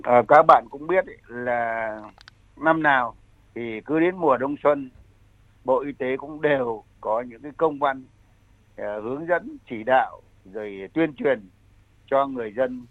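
Halting man on a thin phone line. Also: medium pitch, dry recording. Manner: halting, repetitive, hesitant phrasing. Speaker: medical expert guest, senior health adviser. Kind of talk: interview answer, explanatory public health advice.

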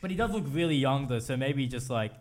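A man's voice: mid-range voice, expressive, a little fast. A young man co-hosting a sports podcast in loose, rambling casual chat, often breaking off to exclaim. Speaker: podcast co-host.

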